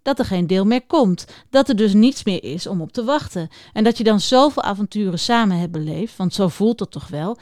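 A woman's voice: medium pitch, animated, normal speed, hardly any pauses, darkish tone, no echo, studio quality. A woman presenting a children's book series in a scripted talk, speaking directly to young listeners in a friendly way. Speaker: reader introducing a children's book.

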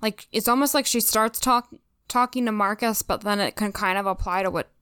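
A woman's voice: mid-range voice, a little fast, a bit bright, clear, resonant tone, no room sound, studio quality. A woman co-hosting a podcast, casually and reflectively discussing a TV episode, with many "like"s. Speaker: podcast co-host.

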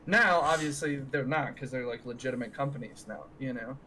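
Bright, slangy young American frat-bro guy. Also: mid-range voice, fairly quick, slight background noise. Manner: frat-bro slangy, swearing, peppered with "dude" and "bro". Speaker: podcast co-host. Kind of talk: casual banter.

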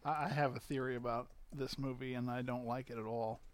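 A man's voice: mid-range voice, fairly even intonation, brisk, clean tone. A man co-hosting a casual podcast chat, chatty and agreeable, laughing easily. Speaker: podcast co-host.

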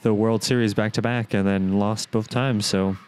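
A man co-hosting a casual hockey podcast, teasing in a deadpan way. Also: lowish voice, moderate pace. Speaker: podcast co-host.

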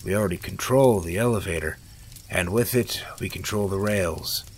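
A man's voice: low-pitched, normal speed, a little hiss or hum, close to an everyday voice. A man voicing a ruthless, greedy ringleader who talks in a cold, calculating way. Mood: scheming.

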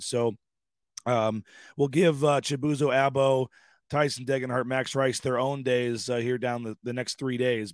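A man with a hoarse voice hosts a live sports talk show. He talks in a halting way, full of fillers and restarts. The sound is dry and close, with no room echo. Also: mid-range voice.

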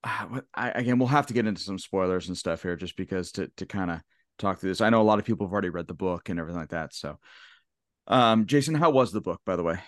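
A man hosting a casual podcast discussion, talking in a halting way with many restarts. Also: low voice, no echo, studio quality. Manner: halting, lots of restarts and fillers. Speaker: podcast host.

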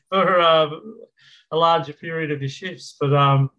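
A man's voice: fairly high pitch, takes it slowly, pushed and bright. Blokey middle-aged Australian man, dull lo-fi sound. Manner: blokey, laid-back Aussie tradesman talk with slang. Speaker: fan podcast co-host. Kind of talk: casual football chat. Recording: dull lo-fi voice channel.

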